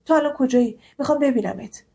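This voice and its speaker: A woman's voice: high-pitched, vocal fry, mellow, pitched above the performer's own voice. A woman voicing a stern, wealthy male university professor who talks in a serious, businesslike way.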